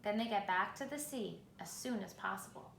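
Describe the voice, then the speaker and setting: A woman reads a children's book out loud, using dramatic pauses in a measured, expressive style. She speaks at a medium pitch with a noticeably creaky quality. Behind her there is faint noise, and the room echoes clearly.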